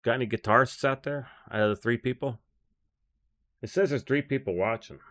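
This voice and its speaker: A man's voice: mid-range voice, a little fast, fairly bright tone. A man who coaches golf, chatting on a livestream in a blunt, rambling, scornful way. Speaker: golf instructor and livestream host. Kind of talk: casual livestream chat.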